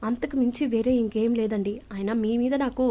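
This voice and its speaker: Woman voicing meek young wife, pleading, polite, slightly high voice. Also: steady tone, moderate pace, mellow, natural voice.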